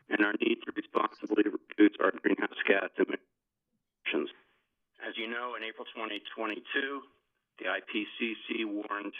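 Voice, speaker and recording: A man testifying at a public hearing over a landline phone, reading a prepared statement in a plain, measured way. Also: lowish voice, creaky. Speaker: public witness giving comment at a hearing. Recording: tinny landline phone call.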